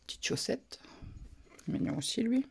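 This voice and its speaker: A woman casually talking through a craft haul, soft-spoken and murmuring, her asides drifting into whispers. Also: unhurried, slight background noise. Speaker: craft vlogger.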